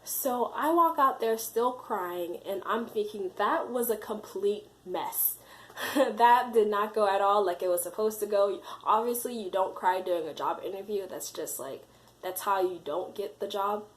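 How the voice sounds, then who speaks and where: A woman's voice: mid-range voice, normal speed, rough recording. A young adult woman casually telling a personal story to camera, full of "you know" and "like". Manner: chatty, leans on fillers like "you know" and "like". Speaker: vlogger.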